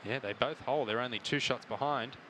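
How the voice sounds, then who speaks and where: A man's voice: medium pitch, a little fast, fairly bright tone, a little hiss or hum, rough recording. A man giving live television golf commentary as a commentator.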